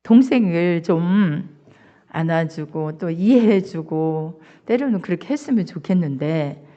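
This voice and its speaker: An older woman pastor preaching a sermon, telling a family story in an animated, expressive way. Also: unhurried. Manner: animated, expressive storyteller with wide swings in pitch. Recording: dull lo-fi church recording.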